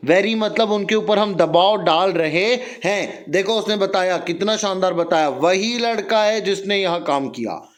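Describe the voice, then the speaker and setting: A man teaching English grammar at a slow, deliberate pace, stretching out words and spelling them letter by letter. His voice sits high for a man. He keeps firing questions at his students and has them answer back in chorus. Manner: drills students with repeated questions and call-and-response; slow, spelling out and stressing each word. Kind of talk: classroom lesson in Hindi with English examples.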